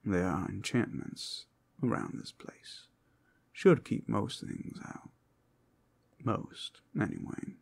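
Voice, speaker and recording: He performs an exaggerated, sing-song take on a seductive werewolf companion for a fantasy ASMR roleplay, his dark, gravelly, husky voice frequently sinking to a breathy whisper. Unhurried, playful and reassuring, he teases the listener in a widely rising and falling drawl, using pet names in this intimate scripted piece.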